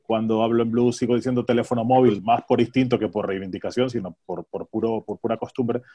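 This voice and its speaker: Speaking fairly quickly in a steady, mid-range voice that's dark-toned and slightly rough, a Spanish radio journalist in his forties talks on a video call through an earphone headset from his home study. He's conversational in the panel discussion, repeating words while thinking aloud.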